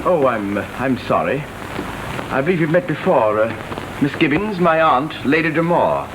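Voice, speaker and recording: A man playing a flippant, well-bred young English gentleman with an upper-class accent, in witty period banter from a 1930s comedy. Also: on the high side, very animated, a little slow. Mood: awkwardly polite. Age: young adult. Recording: noisy, hissing 1930s film soundtrack.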